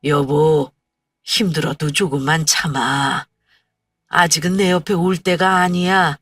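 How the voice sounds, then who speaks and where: A woman voicing a gruff old husband's ghost. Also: low-pitched, fairly even intonation, takes it slowly, fairly bright tone, dry recording, clean studio sound, full character voice. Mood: gentle. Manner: blustery then tender. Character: gruff, doting elderly husband's spirit. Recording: distant mic, faint music.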